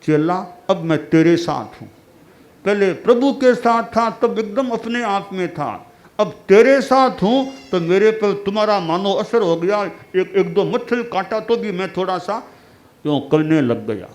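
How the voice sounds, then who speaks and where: Brief: serene older guru, slow and gentle, lightly raised voice, as a male preacher plays him. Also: high-pitched, animated, voice pushed up. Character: calm older male guru, fussy over mosquitoes.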